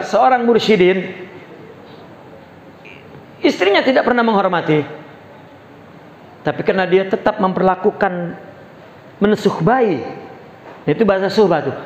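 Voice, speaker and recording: A man with an Indonesian accent, a religious teacher giving a sermon in a study hall, telling stories with short pauses and frequent affirming "ya". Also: high voice, vocal fry, slight background noise. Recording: dull roomy recording in a hall.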